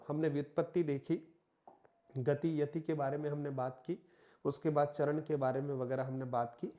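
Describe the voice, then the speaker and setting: A man's voice: on the high side, mellow. A man teaching an online exam-prep lesson, patiently explaining step by step and counting syllables aloud. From India. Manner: addresses listeners as friends, explains step by step with slides. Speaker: Hindi teacher.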